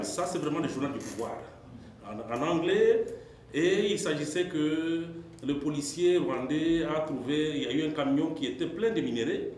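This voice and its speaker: A man from the audience raising observations at a press conference, telling an example in an earnest, emphatic way. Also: mid-range voice. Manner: earnest, storytelling, rising with emphasis. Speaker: audience member asking a question. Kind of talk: long question from the floor. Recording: very echoey hall with faint noise.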